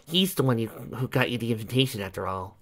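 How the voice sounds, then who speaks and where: Casting note: man putting on a high, excited young pony mare for an audiobook, lively pitch swings. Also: fast talker. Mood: eager. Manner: bright, excited, earnest. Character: eager cheerful young female unicorn pony. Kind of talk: fan fiction audiobook reading.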